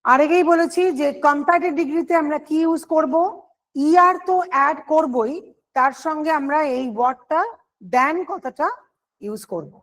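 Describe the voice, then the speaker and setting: Woman, high-pitched, patient exam-prep teacher who explains step by step. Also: moderate pace, a bit bright. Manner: explains step by step, asks and answers her own questions. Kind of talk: online exam-prep grammar lesson.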